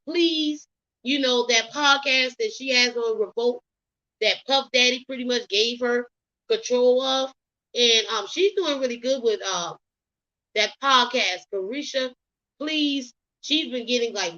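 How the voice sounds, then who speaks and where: Bright-voiced Geechee woman giving gossip commentary. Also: a little high, muffled recording. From US South. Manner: opinionated, rambling, many fillers like um and you know. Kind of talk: casual commentary vlog.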